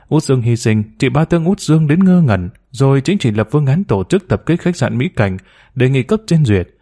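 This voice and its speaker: Male audiobook narrator, mellow warm tone, steady scripted delivery. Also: medium pitch.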